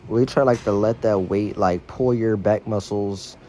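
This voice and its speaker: Mellow man talking through dental braces. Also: fairly low pitch, steady tone, moderate pace, slight background noise. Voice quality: speech slightly impeded by dental braces. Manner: informal, slangy, instructive. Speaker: fitness instructor. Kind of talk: casual exercise tutorial voice-over.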